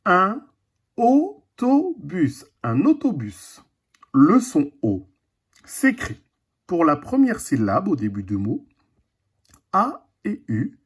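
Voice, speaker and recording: A primary school teacher giving a recorded reading lesson to young children, speaking slowly and deliberately, repeating each word. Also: mid-range voice, wildly swooping pitch, slightly rough. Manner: slow, deliberate, repeats and stretches words.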